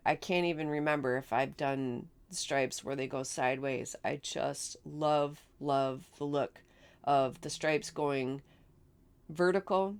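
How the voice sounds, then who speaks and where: Crafting host, woman, low and gravelly, raspy today, chatty and upbeat. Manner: chatty, enthusiastic, with fillers and repeats. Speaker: card-making channel host. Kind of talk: casual crafting tutorial.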